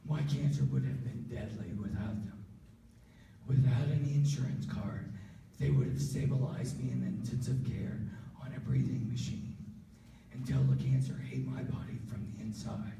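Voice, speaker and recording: A man giving an earnest, emotional prepared speech at a town hall, pausing at times to compose himself. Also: medium pitch, gravelly, warm tone, slight background noise. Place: large public hall. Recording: echoey hall from far off.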